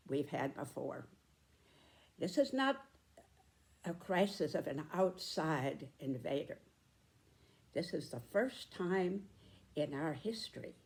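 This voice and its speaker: A woman in her nineties giving a reflective spoken commentary, with deliberate, emphatic phrasing and pauses. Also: low voice, warm tone. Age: 90s.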